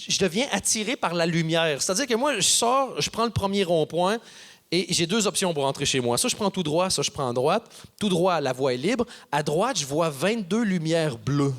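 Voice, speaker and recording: A Canadian man doing stand-up, telling a story and acting out the people in it with quick voice changes. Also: sits high. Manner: animated, acts out characters with voices. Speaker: stand-up comedian. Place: theater stage before an audience.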